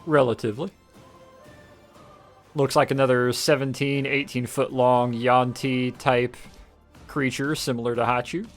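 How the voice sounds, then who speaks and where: A man narrating as game master, animated and laughing often as he counts out rolls and moves. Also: medium pitch, a little slow, long pauses, faint music behind.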